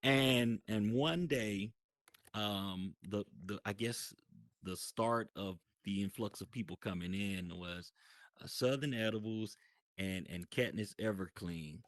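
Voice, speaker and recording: Fairly low in pitch and slow, a man talks without any echo. He's a guest telling a long, casual voice-chat story about his virtual world, rambling and restarting with plenty of fillers.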